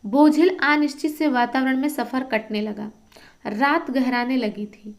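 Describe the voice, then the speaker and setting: A woman's voice: sits high, fairly even intonation, a little slow. A woman teaching Hindi literature who reads a story aloud and stops to explain it for exam students. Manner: reads a passage, then stops to quiz and explain.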